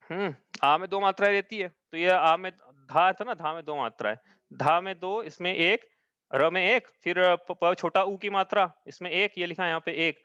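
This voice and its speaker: Teacher, male, fairly high voice, dry and slightly muffled recording, patient and repetitive. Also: bright, forceful tone, clear, resonant tone, no room sound. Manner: patient, repetitive, checks understanding often; chants verses slowly. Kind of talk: live class explanation. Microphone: own mic, audio only.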